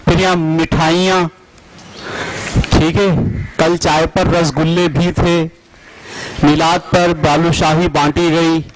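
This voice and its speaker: Man, teacher trainer, fairly high voice, slow and deliberate, faint room hiss. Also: little pitch movement, rough recording. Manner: spells words out letter by letter, slow and deliberate. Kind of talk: teaching Urdu spelling to teachers.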